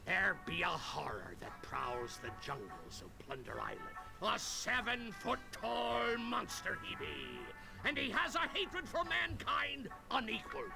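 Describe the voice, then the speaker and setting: An actor voicing a jolly, melodramatic pirate captain in a cartoon adventure game, with a stage pirate accent and a gravelly, grandiose delivery. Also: male voice, sits high, big pitch swings, a little slow, exaggerated voice, poor audio. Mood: ominous, dramatic. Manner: theatrical, grandiose, swooping exclamations. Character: jolly, melodramatic old pirate captain running a chicken restaurant. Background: music.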